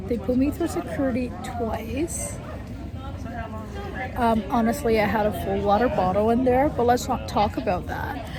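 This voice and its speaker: A young woman vlogging to camera in a casual, chatty, expressive and informal way. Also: a little high, moderate pace. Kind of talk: casual vlog chat to camera. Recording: clear background noise, travel ambience.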